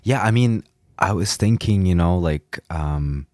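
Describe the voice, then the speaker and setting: A man's voice: low-pitched, expressive, a little slow, a little mellow, no room sound, studio quality. A man co-hosting a music radio show, chatting in a laid-back way about the track he picked, with lots of "you know" and "like". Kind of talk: casual music radio chat.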